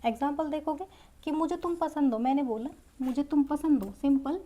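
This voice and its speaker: Female grammar teacher, high and mellow, patient step-by-step classroom explaining. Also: moderate pace. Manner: explains step by step, repeating each example in Hindi and English. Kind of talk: Hindi-medium grammar lesson.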